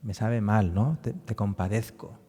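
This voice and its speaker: A man with a low, slightly slow, mellow voice gives a public talk presenting a book on the psalms, with a long reverb tail trailing his words. He explains as he goes and often ends sentences with little tag questions.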